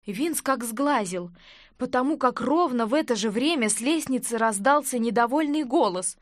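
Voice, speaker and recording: A woman reading a first-person fantasy audiobook in a lively, expressive way. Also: on the high side, no echo, clean studio sound. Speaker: audiobook narrator.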